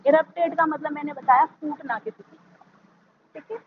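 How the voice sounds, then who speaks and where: A woman's voice: high-pitched, steady tone. A woman teacher with an Indian accent, giving a vocabulary lesson to children, spelling each word letter by letter before explaining it. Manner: spells words letter by letter, then explains slowly. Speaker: school teacher. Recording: muffled lo-fi recording with faint background hiss.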